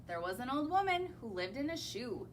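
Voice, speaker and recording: A young woman who works as a children's librarian reads picture books aloud in a public library, using a sing-song delivery and posing questions to the kids. Her voice is high-pitched and very animated at a normal speed, with a slight hiss or hum on the recording.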